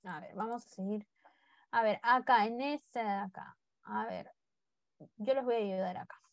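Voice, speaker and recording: A woman's voice: medium pitch, moderate pace, no echo, highs cut off. A woman teaching English to a class online, speaking mostly Spanish and coaxing her students to repeat words after her. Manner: coaxing, drills pronunciation by repeating.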